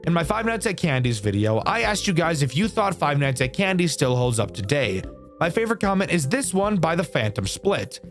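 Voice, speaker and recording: A young male YouTuber talks through a horror game in a loose, candid review, with swearing dropped in casually. His pitch swings up and down a lot as he goes, over faint music in the background. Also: big pitch swings, a little fast. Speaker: gaming YouTuber.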